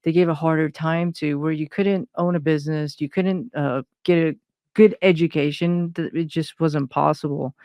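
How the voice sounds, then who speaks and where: Smooth-voiced hesitant woman from Iran. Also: low-pitched, fairly even intonation, moderate pace, darkish tone, dry recording, clean studio sound. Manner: hesitant, many fillers and restarts. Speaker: guest, intuitive consultant. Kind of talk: personal interview talk.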